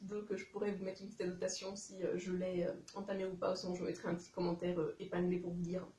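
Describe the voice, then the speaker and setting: A woman's voice: lowish voice, completely flat delivery, fast, mellow, roomy sound, far from the mic, low-quality recording. A woman chatting through a casual haul vlog, hesitant with many fillers and restarts, talking straight to her viewers. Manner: chatty, addresses viewers directly. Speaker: YouTube haul vlogger. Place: room at home, dim light.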